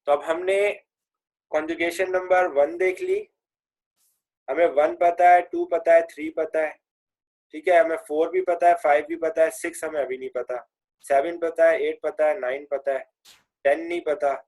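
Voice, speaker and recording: ایک مرد استاد کلاس میں عربی فعل کے صیغے پڑھاتا ہے، انگریزی اصطلاحات ملا کر بولتا ہے اور طلبہ سے صیغے دہرواتا ہے۔. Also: male voice, on the high side, level tone, darkish tone. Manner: chants verb forms and has students repeat; mixes English grammar terms into his speech. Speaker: Arabic grammar teacher. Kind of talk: classroom lesson with recitation drills.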